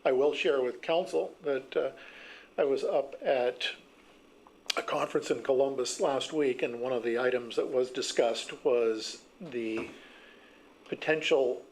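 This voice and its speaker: A man's voice: medium pitch, unhurried, a little hiss or hum, low-quality recording. A man answering a councilmember's question at a council meeting as a city official, explaining things in a matter-of-fact way.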